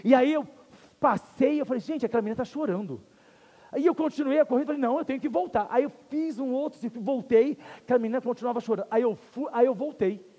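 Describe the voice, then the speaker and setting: A Brazilian-accented male pastor delivers an earnest sermon, leaning on slow repetition and rhetorical questions. His voice sits very high yet soft and mellow. The sound rings with the long reverb of a church hall. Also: dull audio. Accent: Brazilian Portuguese. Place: church sanctuary.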